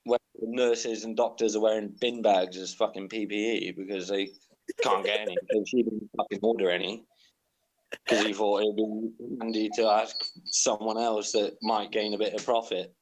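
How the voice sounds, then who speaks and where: A man's voice: lowish voice, flat delivery, moderate pace, low-quality recording. A man calling in to a casual chat, blunt, swearing heavily and laughing often. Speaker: guest on a call.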